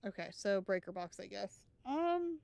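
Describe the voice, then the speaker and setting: Woman streamer, smooth voice, dry close sound, chatty live gameplay commentary, thinks aloud. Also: medium pitch, very animated, measured pace, a little mellow, no room sound. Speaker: let's play streamer.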